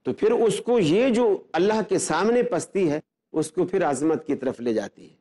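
A man's voice: high voice, lively intonation, normal speed, mellow. A man, an Islamic scholar, explaining religious belief earnestly and building his points with rhetorical questions. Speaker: Islamic scholar and guest speaker.

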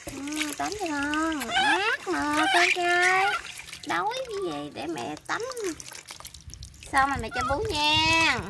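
A woman coos in gentle baby talk, as if to small pets. Her voice sits high. The home recording carries clear background noise. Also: slow pace. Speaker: pet monkey owner. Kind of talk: home video chat to pets. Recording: noisy background.

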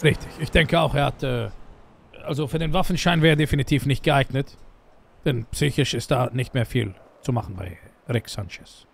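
Very gravelly man joking in character. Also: mid-range voice, normal speed. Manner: joking, sprinkles Spanish words into German. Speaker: streamer playing a roleplay character. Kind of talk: in-character roleplay banter.

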